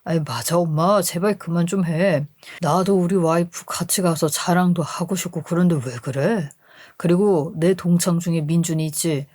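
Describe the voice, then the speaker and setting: A woman's voice: fairly low pitch, moderate pace, a little mellow, no room sound, clean studio sound, natural voice. A woman voicing a young husband who defends his wife against his mother in a radio story. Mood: pleading. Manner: pleading then indignant.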